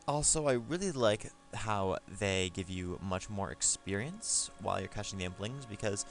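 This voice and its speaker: A man's voice: lowish voice, expressive, normal speed, soft background music. A man giving a casual, rambling game review over gameplay, with lots of fillers and restarts.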